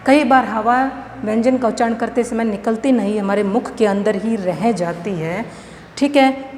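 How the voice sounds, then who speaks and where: A woman with a Haryanvi accent teaching a grammar lesson, explaining step by step and often checking whether it is clear. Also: on the high side, darkish tone. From India. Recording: echoey room with long reverb, faint noise.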